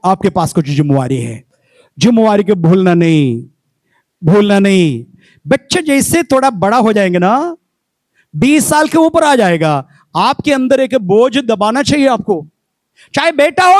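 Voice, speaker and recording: Male pastor, fifties, very high voice, dry close sound, fervent sermon delivery. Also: measured pace, dry recording. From Kerala, India. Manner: animated storytelling that rises to fervent exhortation.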